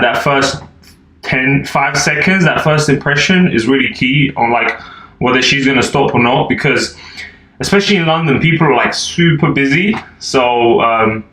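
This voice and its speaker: This podcast guest, an Albanian man in his twenties, talks loosely and casually, rambling with plenty of fillers and "like." His voice is medium-pitched and a bit bright, captured in an echoey room with faint noise.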